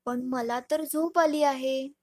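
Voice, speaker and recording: A woman voicing a lively young wife in a storybook reading, chiding and a little bossy. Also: sits high, slow. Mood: soft, sleepy. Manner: scolding, bright.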